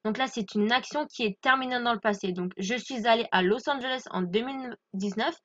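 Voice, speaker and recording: A woman giving an English grammar lesson, explaining clearly and patiently and checking in with her listeners. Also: on the high side, brisk, fairly bright tone, dull audio. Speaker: English teacher. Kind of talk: French-language English lesson.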